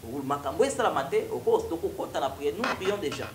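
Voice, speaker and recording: Animated young Congolese preacher. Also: male voice, fairly high pitch, quick pace, reverberant, slight background noise. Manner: animated, switches freely between French and Lingala. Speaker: prophet guest. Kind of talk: preaching testimony in studio interview. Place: TV studio with stone wall backdrop.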